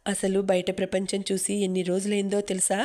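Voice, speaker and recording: A bubbly, impulsive young woman from an audiobook story, quick to complain, as a woman narrator voices her. The voice keeps a narrow, level pitch. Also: completely flat delivery, dark tone, close to an everyday voice. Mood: indignant.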